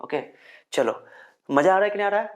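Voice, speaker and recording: A young man gives a recorded physics lecture. He works through each point slowly, repeats his own questions and answers them as his students would. He reads English definitions out carefully and sounds a little short on energy. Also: high voice, expressive. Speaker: physics teacher.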